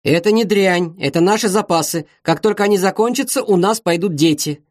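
A man's voice: high voice, a little fast, pitched above the performer's own voice, natural voice. A man voicing Svetka, a brash hot-tempered young woman who speaks shrilly and indignantly. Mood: defiant.

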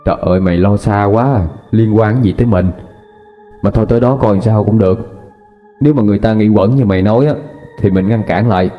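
A man playing an easygoing, offhand young man in a ghost story, talking briskly and dismissively. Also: lowish voice, natural voice. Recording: dull lo-fi with faint music.

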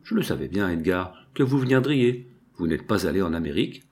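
A gentle, devoted young seamstress speaks softly and tenderly in a low, unhurried tone, read by a man narrating a storybook. The voice stays close to the reader's own. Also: big pitch swings.

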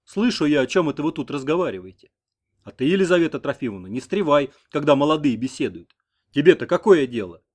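Pompous, loud middle-aged local official, barking, played by a male narrator. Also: a little high, lively intonation, normal speed, voice pushed up, close to an everyday voice. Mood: bossy. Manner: bossy, loud.

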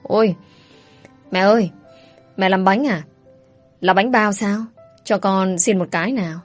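A woman's voice: mid-range voice, measured pace, faint music behind, natural voice. A woman voicing a bold young woman who talks bluntly and playfully. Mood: pleading. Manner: blunt, teasing.

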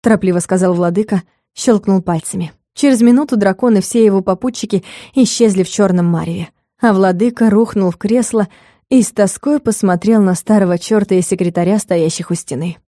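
A woman narrating a comic fantasy audiobook in a measured, expressive way. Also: medium pitch, no room sound, clean studio sound.

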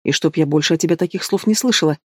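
A man's voice: fairly high pitch, very fast, a little mellow, slightly rough, no echo, studio quality. A man doing a bossy scolding mother. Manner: bossy and reproachful. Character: middle-aged mother, blunt, scolding, self-centred.

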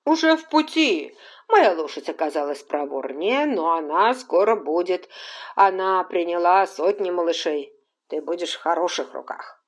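A woman reading an audiobook and voicing a calm, gentle male priest who talks softly and reassuringly. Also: on the low side, moderate pace. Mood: soothing.

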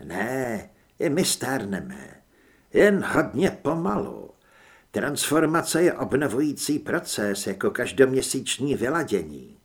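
A man voicing a century-old male werewolf in an audiobook, gruff with dry humor. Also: medium pitch, sing-song. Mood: wry. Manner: gruff, wry. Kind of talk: audiobook character reading.

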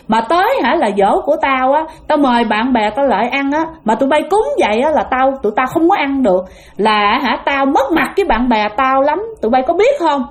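A woman voicing the angry ghost of an old father, scolding in a Southern Vietnamese accent. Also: sits high. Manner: scolding, shouting insults.

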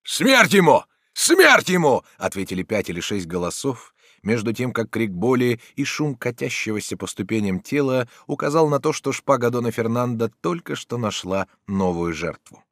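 A man's voice: mid-range voice, moderate pace, few pauses, dry recording, clean studio sound. A man narrating an adventure novel as an audiobook with a dramatic reading. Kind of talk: scripted narration.

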